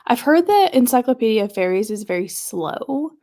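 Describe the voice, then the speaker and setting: A woman's voice: fairly high pitch, big pitch swings, moderate pace, warm tone. A woman hosting a casual livestream, chatting and reading viewer comments aloud. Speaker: livestream host. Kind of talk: casual chat.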